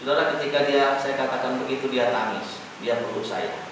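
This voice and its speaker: A man's voice: medium pitch, brisk, noisy background. Preaching man in an echoey church. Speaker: pastor. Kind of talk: sermon. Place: church hall. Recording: echoey church hall from far off.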